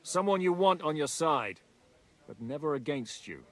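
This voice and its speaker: Casting: male actor for emphatic medieval comrade in a game, blunt temper, lively intonation, dry studio sound. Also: a little high, moderate pace, no room sound, lightly acted. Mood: grim, knowing. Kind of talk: video game dialogue acting.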